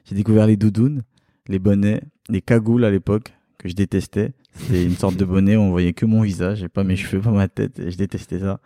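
A man's voice: fairly low pitch, steady tone, fairly quick, dark tone, no echo, studio quality. A man from Cameroon, a guest in a home interview, talking candidly and reflectively and laughing easily. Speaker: podcast guest, kickboxing champion. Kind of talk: relaxed interview talk. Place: living room at his home.

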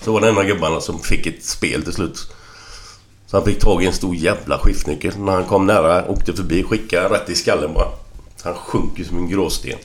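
Low-voiced man telling crude jokes. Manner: crude, animated storytelling. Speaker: joke teller. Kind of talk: casual joke telling among friends.

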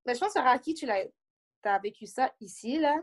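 Animated young Quebec woman, high voice. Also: moderate pace. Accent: Quebec French. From Montreal, Quebec. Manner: animated, questioning, restarts mid-thought. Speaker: panel discussant. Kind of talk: casual discussion.

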